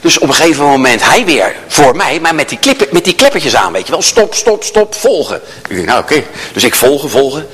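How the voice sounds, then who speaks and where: A man's voice: mid-range voice, fast talker, few pauses. A man giving an interactive workshop talk to a live audience, joking and telling stories as he coaches the room. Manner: animated, joking storyteller who addresses the audience. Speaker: workshop speaker. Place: large hall with an audience. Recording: long hall reverb.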